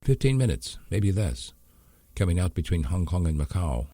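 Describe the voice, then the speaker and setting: A man's voice: deep voice, very animated, mellow, dry recording. A man voicing a careful military navigator. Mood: measured. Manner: measured, precise. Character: careful male aircraft navigator officer.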